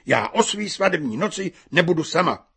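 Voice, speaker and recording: A man's voice: fairly high pitch, very animated, a bit bright, husky, pitched above the performer's own voice, heavily acted. Man doing a raised-voice brash young bride. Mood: pushy. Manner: bold, teasing, insistent.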